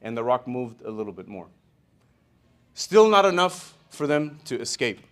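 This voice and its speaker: A man giving a sermon as an imam, retelling a hadith in an animated, conversational way with frequent "you know" and "right?". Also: mid-range voice, moderate pace. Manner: animated storyteller, swings in loudness.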